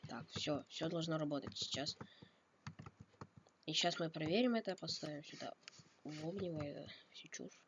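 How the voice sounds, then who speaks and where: Keyboard and mouse clicks sound as a game tutorial maker, a little under the weather, talks casually, thinking aloud, fixing his mistakes and coughing occasionally. His fairly high, fairly bright voice moves at normal speed with long pauses, recorded on a dull lo-fi mic with noise.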